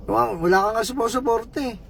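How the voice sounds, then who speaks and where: High-voiced man telling jokes. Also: fast talker, gravelly, slight background noise. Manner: chatty, joking, reads out viewer shoutouts. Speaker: livestream vlogger. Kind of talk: casual livestream storytelling.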